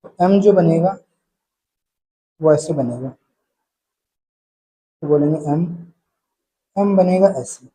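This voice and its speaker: Slow husky-voiced male shorthand teacher. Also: on the high side, mellow, poor audio. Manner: calls out paired sounds in rhythm for drills. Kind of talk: slow step-by-step lesson.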